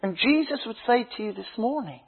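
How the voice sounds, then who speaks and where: A man, a minister, preaching a sermon with a husky voice, slow emphatic phrases that drop to a hush, and humorous stories. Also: very high-pitched, lively intonation. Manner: dramatic preaching, slow emphatic phrases dropping to hushed tones; humorous storytelling. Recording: tinny phone-like sound.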